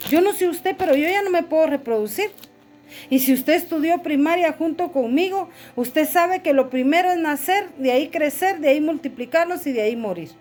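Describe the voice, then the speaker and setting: A woman's voice: sits high, darkish tone. A middle-aged woman pastor preaching a sermon, calling listeners "brother" and asking rhetorical questions.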